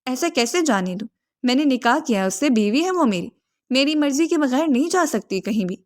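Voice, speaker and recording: Possessive young husband, impatient and demanding, complaining tone, storybook reading, voiced by a woman narrator, fairly high voice. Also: lively intonation, darkish tone.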